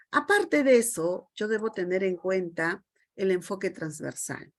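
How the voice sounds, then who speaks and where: A woman's voice: fairly low pitch, a bit bright. A middle-aged woman, leading a lecture for teachers over a video call and often asking the group questions. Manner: emphatic, asks the group many rhetorical questions. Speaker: teacher trainer leading a session.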